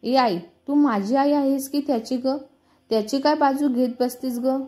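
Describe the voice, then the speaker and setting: A woman's voice: high-pitched, unhurried, dark tone. A woman voicing an irritated young woman bank clerk who grumbles about her boss. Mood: sulky. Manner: grumbling, sulky complaints.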